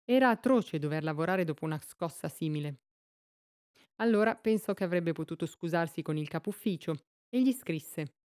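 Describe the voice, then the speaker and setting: A woman narrating a classic short story in a steady, measured reading. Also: lowish voice, no room sound, clean studio sound. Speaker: reader.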